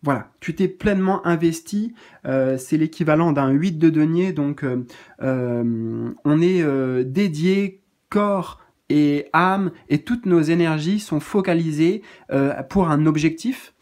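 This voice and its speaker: Gentle, hesitant man reading cards. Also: on the high side, slow. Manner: gentle and reassuring, hesitant with many fillers. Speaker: spiritual card reader. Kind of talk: casual spoken card reading.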